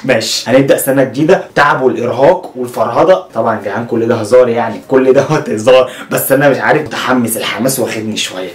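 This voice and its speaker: Egyptian vlogger, young male, hyped delivery, echoey bedroom recording. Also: medium pitch. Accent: Egyptian Arabic. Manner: fast, hyped, addresses viewers as "guys". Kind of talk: excited vlog talk to camera. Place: bedroom at home. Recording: distant roomy mic with room noise.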